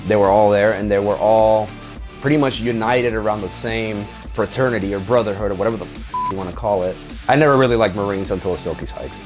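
A man in his thirties, an army medic veteran, giving a candid, profane interview in a dark studio with a joking, blunt manner. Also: on the low side, fast talker. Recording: music underneath.

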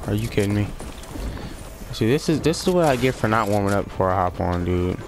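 A man's voice: lowish voice, lively intonation, a little fast, background noise. A young man casually commentating his own video game play, slangy and swearing when frustrated. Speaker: gaming YouTuber.

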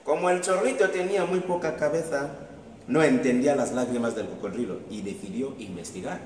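A man reading a children's tale aloud in a library hall, slow and expressive. His voice sits at an ordinary pitch and takes its time. The recording is echoey and distant, with a long reverb tail and a faint room hum. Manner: slow, animated storytelling with many voices. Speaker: storyteller. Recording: echoey hall, mic far off.

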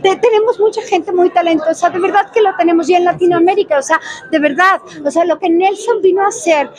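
An older woman with a Mexican accent, answering reporters in an animated, emphatic and chatty way. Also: very high voice, brisk, rough recording. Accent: Mexican Spanish. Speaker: talent show judge, interviewee. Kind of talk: answering reporters in a press interview.

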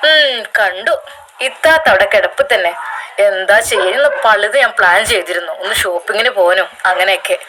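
A woman with a Malappuram accent voicing a bold younger sister who talks loudly and pushily, in a spoken story. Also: mid-range voice, a little fast, background noise, natural voice. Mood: eager. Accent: Malappuram Malayalam. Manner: loud, pushy, scolding.

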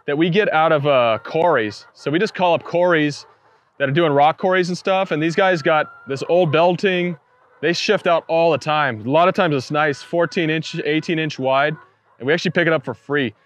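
A man in his thirties, a poultry farmer, explaining his operation in a relaxed, matter-of-fact way during an outdoor farm tour. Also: on the high side. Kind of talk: casual farm tour talk. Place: outdoors on a farm pasture beside a coop.

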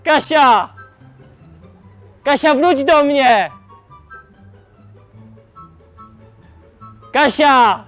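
A young man stands outdoors under apartment blocks and shouts desperate pleas up at the windows. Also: extremely high pitch. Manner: shouting, pleading, mock-desperate. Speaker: prank video host.

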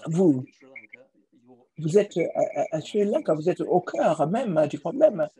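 Husky man interpreting in halting bursts. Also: a little high, sing-song, warm tone, poor audio. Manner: halting, frequent restarts and repeated words. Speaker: conference interpreter. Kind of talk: simultaneous interpretation of a panel.

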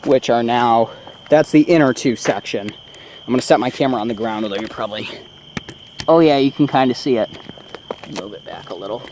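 Against a noisy background, a young man speaks briskly at medium pitch, pausing often, as he casually shows off his car for a vlog. He rambles with many ums, filmed by a handheld camera with its built-in mic in and around where the car is parked.

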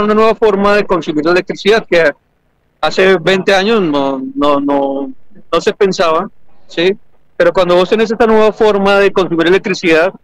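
Hombre con acento colombiano, explicando. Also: male voice, high-pitched, low-quality recording. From Argentina and Colombia. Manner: explanatory, checks understanding with frequent "¿sí?". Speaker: electrical engineering lecturer and researcher. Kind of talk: explaining at an education fair stand. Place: large indoor exhibition hall.

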